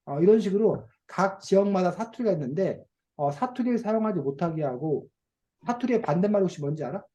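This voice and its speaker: Lively mellow-voiced teacher on a video call. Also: medium pitch, brisk. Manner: animated, asks children questions and plays out dialect phrases. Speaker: reading and writing teacher for children. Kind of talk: online video class.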